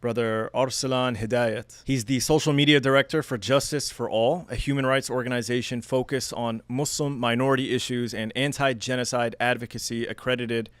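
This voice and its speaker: Earnest podcast host in a dry studio. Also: male voice, medium pitch, fairly even intonation, a little fast, few pauses, no echo. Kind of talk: podcast interview, read-out intro.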